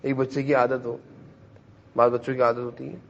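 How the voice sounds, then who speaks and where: A man's voice: mid-range voice, flat delivery, gravelly, muffled recording, a little hiss or hum. A man teaching a class of children in a madrasa, who repeats his points and keeps quizzing the kids to answer. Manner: repetitive, questions the children and urges them to answer.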